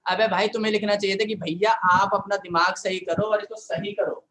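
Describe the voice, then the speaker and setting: A man teaching a live online science class, scolding and joking with his students in rapid banter and repeating a filler word. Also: high voice, level tone, echoey room, a crowd in the background, rough recording. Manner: repeats filler "yaar" often.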